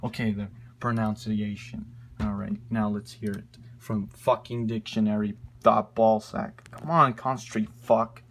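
A man rants in a slow, drawn-out way, exasperated and swearing constantly. His mock outrage comes through a noisy home recording full of clicks. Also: fairly low pitch, little pitch movement. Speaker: online video ranter. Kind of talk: profane comedic rant.

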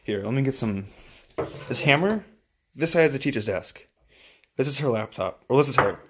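A young man rambles crudely while he cooks in a home kitchen, filming himself on a handheld phone. His voice sits at a medium pitch, mumbled and offhand, full of swearing. Faint background noise runs under the phone recording. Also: lively intonation, normal speed. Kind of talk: rambling casual vlog while cooking. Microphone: phone camera held and moved around.

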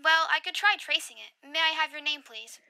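A woman's voice: high-pitched, animated, a little fast, pushed and bright, heavily acted. A woman playing a polite, skeptical and procedural chief telephone operator in a radio drama. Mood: measured.

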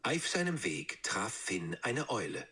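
Slow, very bright synthetic male narrator. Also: mid-range voice. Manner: slow, expressive. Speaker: voice assistant. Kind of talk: storytelling and emotion demo.

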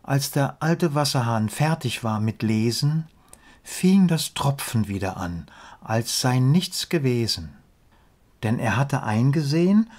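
A man reading his own humorous poems in a slow, measured way, letting line ends drop low and quiet, with dry spoken asides between them.

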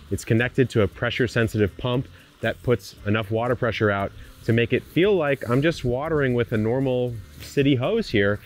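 A man in his thirties with a fairly low voice hosts an outdoor walkthrough vlog, explaining in a friendly, enthusiastic way as he gestures around his suburban yard. He's recorded on a lapel mic outdoors, with faint music playing underneath. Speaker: gardening channel host.

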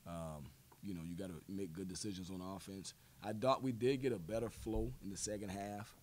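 A man in his forties, a head coach answering questions at a post-game press conference, measured and full of fillers and repeated words, speaking into a table mic in a press room. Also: low voice, fairly even intonation, a little mellow. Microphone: table mic on stand.

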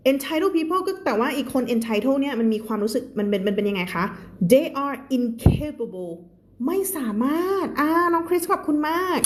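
A woman teaching English on a live stream with a Thai accent. She reads English lines slowly and explains them quickly, laughing often. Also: sits high. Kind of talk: live-streamed reading lesson.

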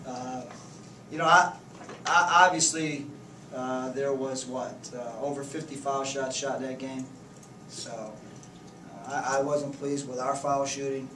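A man in his fifties, a head coach giving plainspoken, halting postgame answers at a press conference table. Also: mid-range voice, fairly even intonation. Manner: plainspoken, halting, restarts often. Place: press conference room, indoors. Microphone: table mics, heard from a distance. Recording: echoey room, distant mic, noisy.

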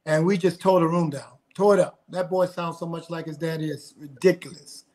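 Here a middle-aged man from South Carolina, a singer, answers questions earnestly as an interview guest on a video call from his home. The conversation is casual; his voice is on the high side, a little fast and a little mellow, with fairly even intonation. He tends to repeat words as he works out what to say.

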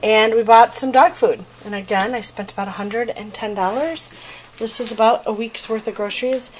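A middle-aged woman vlogger chats casually through her grocery haul in her home kitchen, listing items with fillers as she films on a handheld phone. Her voice is fairly high with even intonation at normal speed, and the rough recording has slight hiss or hum, with plastic bags crinkling behind her.

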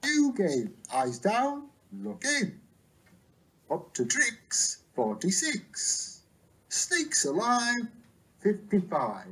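A husky bingo caller with a wide, swooping pitch who takes the calls at an unhurried pace. Each rhyme rises, and the number after it falls much lower. It keeps a steady, sing-song rhythm from one call to the next.

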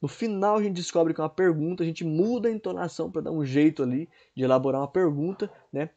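Fairly high-pitched but dark in tone, this man talks fast, and the recording has its highs cut off. Explaining English grammar to students online one step at a time, he keeps asking "right?", "certo?" and "né?", with an occasional throat clear.

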